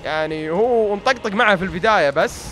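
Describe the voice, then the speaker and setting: Rapid-fire Gulf Arabic gamer, tired voice. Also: male voice, high-pitched, sharp tone, a little hiss or hum. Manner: grumbling, self-mocking, talks straight to viewers. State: tired, strained voice. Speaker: gaming YouTuber. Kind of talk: casual gameplay commentary.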